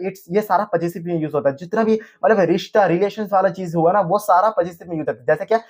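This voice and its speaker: Male grammar teacher with a high voice; casual, self-questioning, reads examples slowly. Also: darkish tone. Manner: asks and answers his own questions, reads example sentences slowly. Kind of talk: casual classroom explanation.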